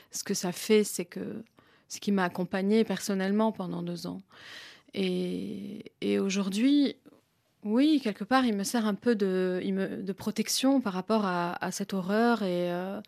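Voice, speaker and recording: A woman in her forties speaks in a radio interview with a gravelly, slightly creaky voice, dry and close to the microphone. She talks haltingly, with restarts and soft laughter, moved by the subject. Her pitch sits in the middle range. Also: no room sound. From Lebanon. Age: 40s. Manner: hesitant, halting, emotional, laughs softly. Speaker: guest author and illustrator.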